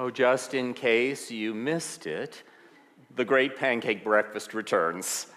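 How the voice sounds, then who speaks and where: A man's voice: mid-range voice, slow pace, a bit bright, faint music behind. A man giving church announcements and a blessing. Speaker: minister. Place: large church sanctuary. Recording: long hall reverb.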